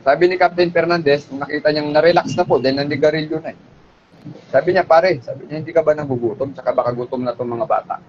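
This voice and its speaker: A man with a somewhat high voice tells a story in a polite, conversational manner, often turning to his listeners with quick tag questions. The recording is dull and lo-fi, with a faint hum of background noise. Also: fairly even intonation. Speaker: speaker retelling a police hostage story.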